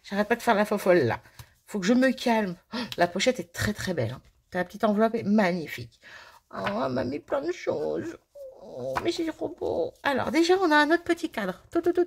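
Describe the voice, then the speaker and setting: A woman's voice: a little high, vocal fry, slight background noise. A woman chatting to viewers as she unboxes craft mail, bubbly and self-mocking, gushing over each item. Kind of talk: casual chat to viewers. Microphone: phone.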